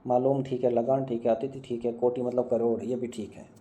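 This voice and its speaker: Man with dark flat voice drilling words. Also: mid-range voice. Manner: drilling students with quick questions and answers, repeating words. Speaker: Hindi grammar teacher. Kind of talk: online exam-prep lesson.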